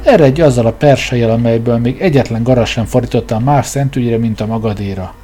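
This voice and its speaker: A man's voice: mid-range voice, soft background music, lightly acted. A man reading aloud, voicing a proud exiled king who lectures and scolds his hangers-on in a declamatory way. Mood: scolding. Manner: declamatory, scornful, forceful.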